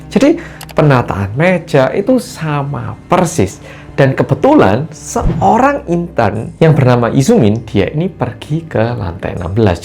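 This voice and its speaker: A man, hosting his channel and telling a spooky story with dramatic pauses and rising stresses. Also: medium pitch, gravelly, a little mellow. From Korea. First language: Korean. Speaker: channel host.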